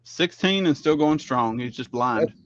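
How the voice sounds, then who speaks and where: Dry-teasing man with middle pitch. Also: animated, a little slow. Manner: dry teasing, stumbling restarts. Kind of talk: casual chat. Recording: dull lo-fi sound.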